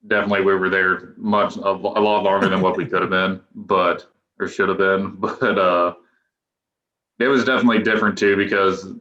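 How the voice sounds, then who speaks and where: A man in his twenties, a professional pitcher, chatting loosely as a podcast guest with restarts and chuckles. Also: bright, forceful tone. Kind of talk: casual podcast interview. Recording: echoey room, dull lo-fi sound.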